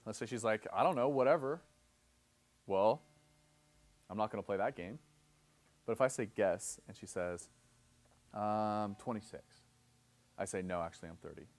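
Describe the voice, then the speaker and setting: A thirtysomething seminar instructor with a lowish, darkish voice lectures live. He lays out his material step by step, regularly asks "okay?", and acts out both sides of the example dialogues he uses.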